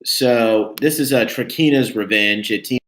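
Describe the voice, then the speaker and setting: A man's voice: mid-range voice, a bit bright. A man chatting casually in an online group discussion, his voice dropping in and out over a bad connection as he rambles with many fillers. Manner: rambling, filler-heavy, halting. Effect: audio keeps cutting out over a bad connection. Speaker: co-host of a review discussion.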